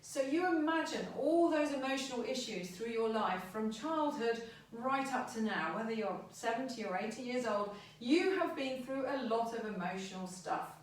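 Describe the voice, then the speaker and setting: Emphatic high-voiced woman, echoey room. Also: lively intonation, normal speed, recorded from a distance. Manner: chatty and emphatic, repeats advice. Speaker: back pain therapist. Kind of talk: informal health talk to camera.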